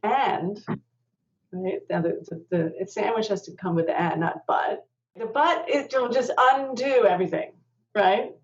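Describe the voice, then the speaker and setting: A woman's voice: mid-range voice, measured pace. A woman marriage therapist in an interview, explaining ideas and telling stories that she acts out with quoted voices. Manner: animated storyteller, acts out quoted speech. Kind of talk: conversational interview. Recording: muffled lo-fi sound.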